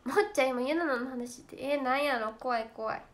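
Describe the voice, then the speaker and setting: A young woman with a Kansai accent chatting casually on a livestream for fans, giggly and talkative, slipping into quick impressions of friends. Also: high-pitched, steady tone. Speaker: idol trainee streaming to fans.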